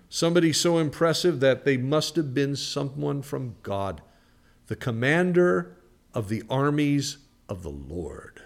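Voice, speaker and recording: Man, pastor, sermon, mid-range pitch, emphatic rises, quiet storytelling, rhetorical questions. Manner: swings from loud, emphatic preaching to quiet, conversational storytelling; rhetorical questions and acted-out quotes.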